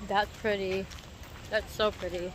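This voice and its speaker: A woman's voice: medium pitch, little pitch movement, a little slow. A woman chatting casually while vlogging on an outdoor park trail by a river, calling out to the kids with her. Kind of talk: casual outdoor vlog chat. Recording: outdoor phone recording with background noise. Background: outdoor ambience.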